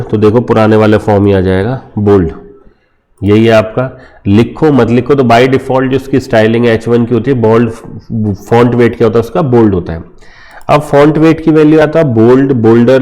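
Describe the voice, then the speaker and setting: A man's voice: medium pitch, mellow. A man with an Indian accent giving an informal coding lesson over a screen recording, often checking in with his viewers as friends. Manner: informal, addresses viewers as friends, frequent "theek hai" fillers. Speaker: coding tutor.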